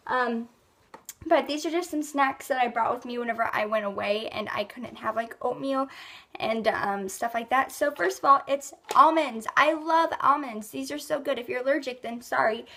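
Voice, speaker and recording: Chatty high-voiced teen girl vlogger. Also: normal speed, pushed and bright. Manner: chatty, lots of ums and likes. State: sick, voice a bit rough. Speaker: beauty vlogger. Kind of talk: casual rambling product review.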